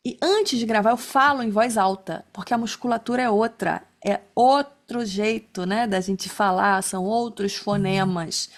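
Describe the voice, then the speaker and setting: A woman's voice: mid-range voice, normal speed, hardly any pauses. A woman teaching an online class in a casual, chatty way, often tagging her sentences with little check-ins. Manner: chatty, many fillers like né and tá. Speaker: instructor.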